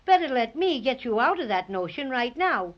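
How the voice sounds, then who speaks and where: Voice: sits high, sing-song, normal speed. A performer voicing a cheerful, boastful little stuffed bear in an old radio drama. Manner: chirpy and boastful. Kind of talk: 1930s radio drama acting. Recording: dull old radio recording.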